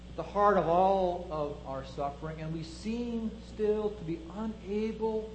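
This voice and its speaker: A man's voice: high voice, a little slow, reverberant, slight background noise, low-quality recording. A man preaching a sermon, building his point through strings of rhetorical questions.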